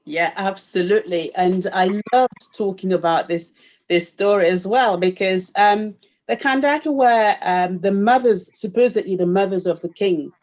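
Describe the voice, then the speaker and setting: A raised woman historian speaks in a reflective conversational way, pausing often with fillers as she builds her ideas. Her voice sits at a middle pitch. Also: darkish tone. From Cameroon, raised in Paris. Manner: thoughtful, searching for words with fillers. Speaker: historian and author. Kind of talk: conversational discussion.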